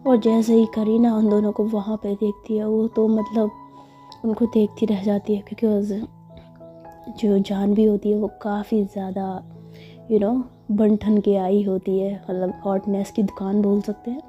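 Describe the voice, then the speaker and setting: A woman's voice: mid-range voice, flat delivery, unhurried, dark tone. A woman narrating a story casually and chattily, with frequent fillers. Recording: slightly dull with faint music.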